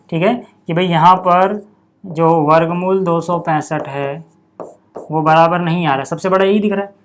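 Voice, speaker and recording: A man teaching a maths lesson at a board, chatty, often checking in with his students. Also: fairly high pitch. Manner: chatty, repeats 'theek hai' and 'yaar' to students.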